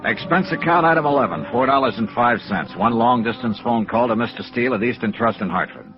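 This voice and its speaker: Here the same noir lead, a stubborn, wry insurance investigator working freelance like a private eye, narrates in first person at a quick clip. His mid-range voice has lively intonation and sounds close to normal conversation, delivered drily and businesslike over music on a muffled old radio recording.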